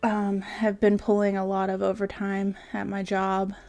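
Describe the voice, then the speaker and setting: A woman's voice: mid-range voice, monotone, moderate pace, vocal fry, a little mellow. A tired woman giving casual, rambling voice-over commentary on her building game, full of fillers and trailing asides. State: tired, yawning.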